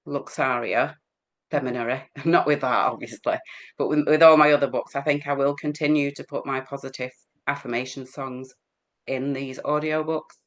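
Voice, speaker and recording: Woman, English accent, interview guest, quick-talking, chatty, laughs often. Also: very deep voice, fairly even intonation. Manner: chatty, laughs while telling stories. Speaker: guest healer. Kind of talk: casual interview storytelling.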